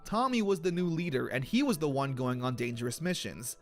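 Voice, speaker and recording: A man's voice: medium pitch, expressive, a little fast, music in the background. A young man hosting and narrating a scripted episode recap with wry, sarcastic commentary. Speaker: host.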